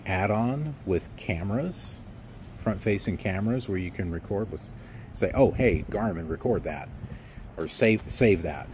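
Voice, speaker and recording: With a noisy backdrop, a middle-aged man speaks in a low voice during a casual outdoor vlog rant. The trucking vlogger holds his phone at arm's length near a block wall and rambles sarcastically, leaning on fillers.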